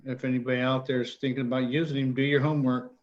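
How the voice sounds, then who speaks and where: A blunt, frank man talks on a casual video call. His voice is mid-pitched, and the sound is dull and lo-fi. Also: level tone, racing. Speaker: meeting participant.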